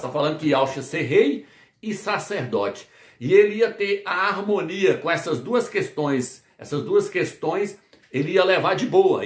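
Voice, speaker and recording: A man's voice: high voice, reverberant. A man preaching a Bible lesson, asking questions and answering them himself with emphasis. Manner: emphatic call-and-response questions. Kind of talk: preaching a Bible teaching video.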